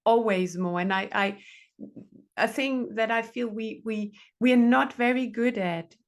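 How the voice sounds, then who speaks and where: This is a Danish relationship therapist, middle-aged, speaking as a guest on a podcast. Her fairly high voice is unhurried as she gives sincere conversational advice, restating phrases for emphasis.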